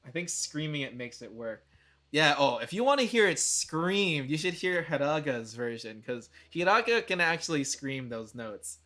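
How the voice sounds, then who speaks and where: A man's voice: on the high side, pushed and bright. A young man streaming casually, chatty, laughing often and swearing now and then. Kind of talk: casual livestream chat.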